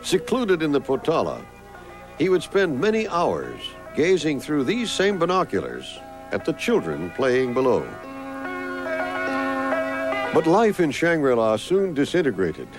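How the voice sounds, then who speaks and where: Man, scripted documentary narration, lively varied pitch, music behind. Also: measured pace.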